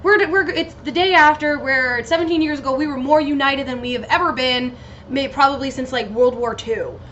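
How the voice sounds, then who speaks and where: A woman's voice: high-pitched, moderate pace, a bit bright. An American woman hosting a solo podcast in a casual, rambling, sweary chat, giggly and scattered as if slightly loopy on painkillers. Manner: giggly, scattered, easily losing her train of thought. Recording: muffled lo-fi home recording with noticeable noise.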